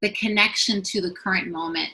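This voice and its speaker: Earnest LA writer, bright voice, thoughtful and fluent. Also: female voice, medium pitch, steady tone, brisk, slightly rough, low-quality recording. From Los Angeles, US. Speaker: writer and producer. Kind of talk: casual interview answers.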